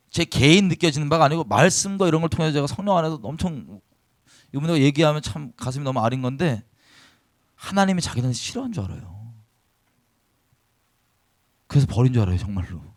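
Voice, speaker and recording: A man with a fairly high voice teaches a Bible lesson like a sermon. He talks to his listeners directly and asks them rhetorical questions. The sound is dry, with little room echo. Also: animated, fairly quick, pauses often. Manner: reads scripture aloud in formal cadence.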